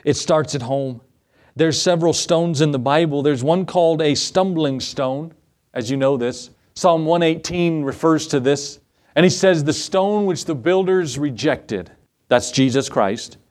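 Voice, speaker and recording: A middle-aged pastor preaches a relaxed, storytelling sermon in his church, slipping into the voices of people in his tale. His voice sits a little high for a man, and he chuckles between lines. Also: unhurried. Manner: humorous, acts out dialogue, laughs often. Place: church sanctuary.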